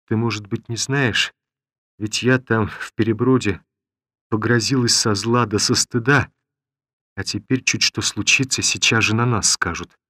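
A man reading the part of a tender young village woman, speaking softly and earnestly, resigned to her fate. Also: on the low side, fairly even intonation, a little slow, dry recording, clean studio sound. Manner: soft, quiet and earnest.

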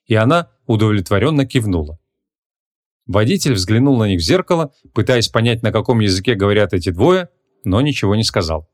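A man reading a humorous fantasy audiobook as narrator, measured and even. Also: on the low side. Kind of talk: scripted narration.

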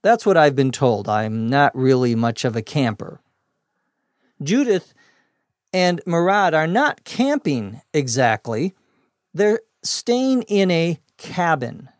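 Man, English teacher, slightly high voice, very slow and deliberate, spells words out, dry close sound. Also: big pitch swings, dry recording. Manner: explains words plainly and spells them out letter by letter. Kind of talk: slow scripted vocabulary lesson.

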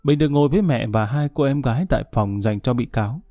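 A man calmly narrating a dramatic social story, reading slowly and steadily and lightly voicing the characters he quotes. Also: mid-range voice, dry recording, clean studio sound, faint music behind.

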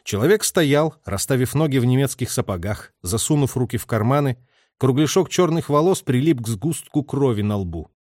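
A male narrator reads dramatic prose with vivid expression and a lively, rising and falling pitch. His voice sits at a middle pitch for a man, and the sound is close and dry with no room echo. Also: normal speed. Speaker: audiobook narrator.

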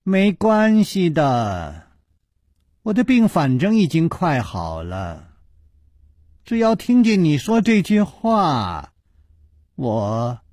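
Gentle, frail young woman, soft and half-whispered, husky, voiced by a man. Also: lowish voice, very animated, takes it slowly, pauses often, no room sound, clean studio sound, voice pushed down, exaggerated voice.

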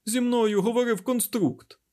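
A man voicing an agitated male scientist in an audiobook, loud and urgent. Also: high voice, animated, normal speed, pitched above the performer's own voice. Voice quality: loud, raised, breathless urgency. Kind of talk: audiobook character voice.

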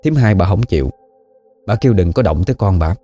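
A man with a Southern Vietnamese accent telling a spooky story in a relaxed, folksy way. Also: low-pitched, a little fast, soft background music. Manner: relaxed folksy storytelling with lively rises and falls.

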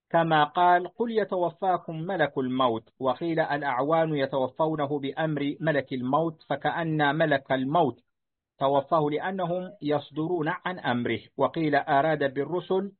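High-pitched man reading to his teacher. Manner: deferential, answering corrections politely. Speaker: student reading a book aloud to his teacher. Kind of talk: reading a classical text aloud. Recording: tinny phone-like line.

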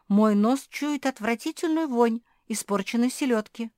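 A woman's voice: fairly high pitch, moderate pace, darkish tone, no echo, clean studio sound, voice pushed up, lightly acted. A woman voicing a tattling, gossipy female cat in a storybook reading. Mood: disgusted. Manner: chattering, tattling.

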